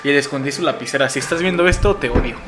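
A man's voice: medium pitch, racing, over music. A man with a Mexican accent, hosting a podcast in casual, crude, teasing banter full of swearing. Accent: Mexican Spanish. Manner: joking, teasing, swears a lot. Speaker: podcast host.

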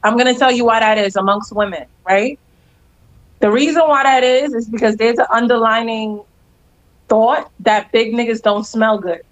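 Blunt, outspoken woman with a higher voice. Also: fairly even intonation, normal speed, rough recording. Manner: blunt, frank, emphatic. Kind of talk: casual chat.

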